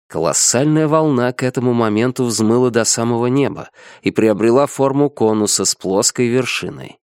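A man reading a science fiction story as a steady audiobook narrator. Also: mid-range voice, no room sound, studio quality. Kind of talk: scripted narration.

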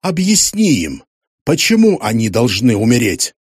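A man's voice: medium pitch, huge pitch swings, normal speed, husky, dry recording, clean studio sound. A man voicing a menacing male museum keeper with a gun, who growls and hisses mockingly, in an audiobook.

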